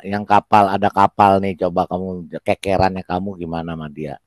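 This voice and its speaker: A man's voice: low voice, steady tone, a little fast, no echo. A man hosting a live online debate, pressing his guest with repeated questions and laughing often. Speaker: host.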